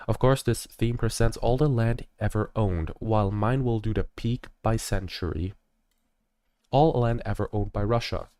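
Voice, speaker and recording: A man's voice: on the low side, normal speed, mellow, no echo, studio quality. A young man streaming a strategy game, rambling and jokey in casual commentary, full of fillers.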